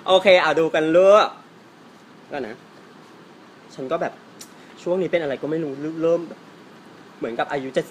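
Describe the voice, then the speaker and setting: A man teaching English pronunciation in a casual, playful way, teasing his viewers and stretching out example words slowly. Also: on the high side, a little hiss or hum.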